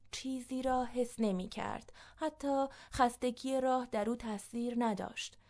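Woman narrating a story, slightly high.

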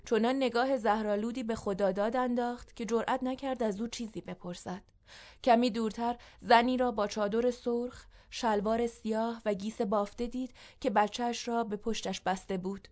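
A woman narrating a written story in a measured, even storytelling manner. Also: mid-range voice.

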